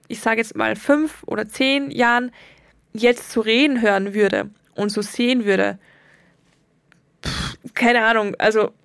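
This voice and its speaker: Young woman podcasting, earnest and reflective, bit of vocal fry, dry close mic. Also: fairly high pitch, no echo. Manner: earnest, reflective, stretches words for emphasis. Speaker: podcast host. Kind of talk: personal podcast monologue.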